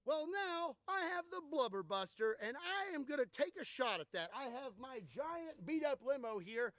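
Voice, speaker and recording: Hosting a video of weapon stunt tests, a man talks casually and folksily with joking understatement. His voice is very high-pitched, very animated and a bit bright, at a moderate pace with no echo.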